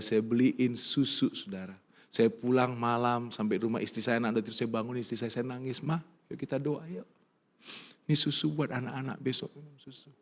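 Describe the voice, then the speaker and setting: A middle-aged Indonesian-accented pastor preaching in a church, with a voice of ordinary middle pitch. He swings between emphatic, rising calls and quiet, personal storytelling. He drops English phrases into his preaching. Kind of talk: sermon. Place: church sanctuary.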